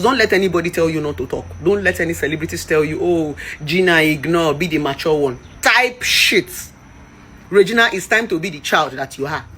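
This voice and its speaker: A woman's voice: on the low side, a bit bright, a little hiss or hum. A Nigerian woman in her thirties giving a passionate, preachy commentary rant. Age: 30s. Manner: impassioned, preachy, mixes in Pidgin. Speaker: vlogger.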